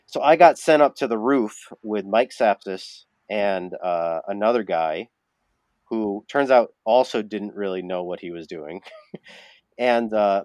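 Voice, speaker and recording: Low-voiced man telling rambling stories. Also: dry recording. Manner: rambling storyteller, many fillers, laughs often. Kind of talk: casual chat.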